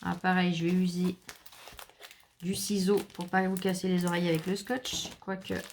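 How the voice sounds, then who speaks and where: A woman's voice: lowish voice, level tone, moderate pace, very noisy. A French woman chatting casually to viewers as she unboxes craft supplies, enthusiastic and talkative. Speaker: craft vlogger.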